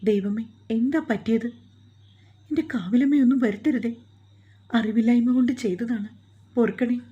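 A woman playing a scared, pleading young woman, higher and breathy, mellow tone, dull recording. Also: moderate pace. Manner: frightened, pleading, tearful. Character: timid young woman from a poor family.

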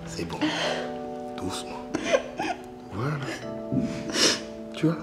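A man with a Senegalese accent playing a young man who calmly comforts his upset partner in a TV drama. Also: slow pace, loud music behind the voice, lightly acted. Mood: soothing. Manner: soft, soothing. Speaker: partner comforting a crying woman. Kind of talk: TV drama acting. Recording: echoey room under loud score.

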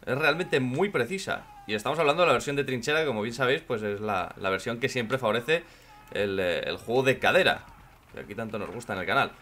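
Hoarse gamer, lively pitch. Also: male voice, fast. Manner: swears a lot and jokes, shouts when in danger. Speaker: gameplay commentator. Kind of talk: casual gameplay commentary.

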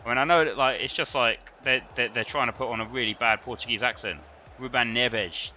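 A man's voice: medium pitch, quick pace. Chatty male gamer commentating his match. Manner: reacts loudly to the play, chatty and animated. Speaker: gaming livestreamer. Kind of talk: excited live gameplay commentary. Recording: slightly dull stream audio with game music. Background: game music.

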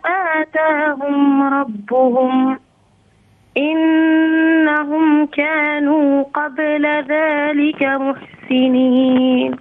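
Brief: female caller, high even chant, very slow, tinny phone line with faint music. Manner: measured chanting, repeats phrases. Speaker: caller reciting Quran. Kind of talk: slow melodic Quran recitation.

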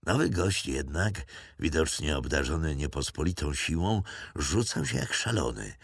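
A man narrating an audiobook in a measured storytelling manner, recorded close on a studio mic. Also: very deep voice, lively intonation, vocal fry, breathy edge, no echo.

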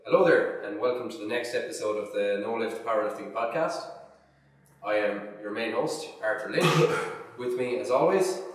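A man's voice: on the low side, normal speed, recorded from a distance. Upbeat young man hosting, reverberant gym. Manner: upbeat presenter, jokey. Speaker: podcast host. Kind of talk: podcast hosting. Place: indoor gym. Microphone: far camera mic.

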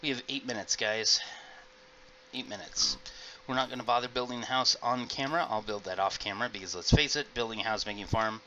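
Chatty low-voiced man narrating gameplay. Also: fairly quick, sharp tone, lo-fi sound. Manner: chatty, rambling, talks to viewers. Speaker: gaming video host. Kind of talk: casual let's-play commentary. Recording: noisy home mic recording.

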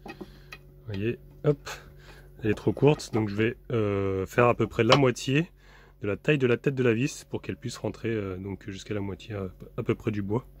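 A man's voice: lowish voice, slight background noise. A young man chatting casually through a do-it-yourself build, filling his talk with fillers and restarts as he works, partly on a camper van roof outdoors. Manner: chatty, many fillers and restarts, talking while working. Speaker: vanlife vlogger. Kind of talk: casual DIY narration.

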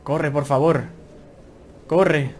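A man's voice: a little high, fairly even intonation, drawn-out words, a little mellow, faint music behind. Chatty man with a Spain Spanish accent. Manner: chatty, exclaiming, talks to himself while playing. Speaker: gameplay streamer. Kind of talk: casual let's-play commentary.

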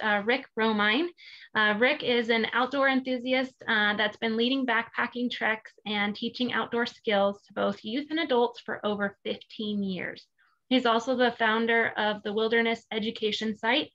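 A woman's voice: fairly high pitch, a bit bright, dull audio. A woman in her thirties hosting a webinar and introducing panelists, upbeat and chatty with many fillers. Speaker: webinar host.

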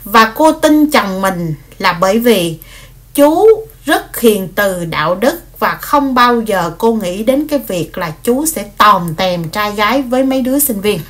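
A woman, retelling a story in casual speech, animated, with many fillers and repeated words. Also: mid-range voice, measured pace.

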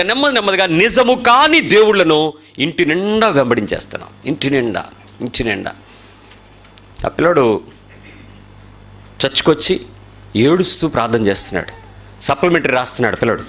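A man with a Telugu accent preaching a sermon, firing rhetorical questions and swinging from loud outbursts to low asides.

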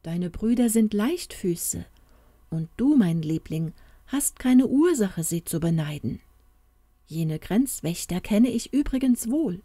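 A woman voicing a wise, gentle fairy queen who soothes her daughter in a motherly way. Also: medium pitch, expressive, takes it slowly, no room sound, clean studio sound, voice pushed up. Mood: soothing.

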